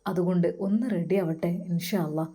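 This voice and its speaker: A woman voicing a calm older man who gently and patiently advises over the phone. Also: on the low side, slightly rough. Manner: calm, measured, gently persuasive. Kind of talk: storytelling with acted dialogue.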